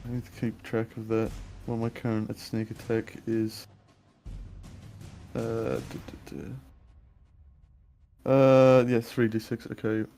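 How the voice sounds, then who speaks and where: A man playing a tabletop game, excitable and muttering to himself as he works out his dice rolls. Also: mid-range voice, slow pace, pauses often, faint music behind. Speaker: player. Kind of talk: casual tabletop game play.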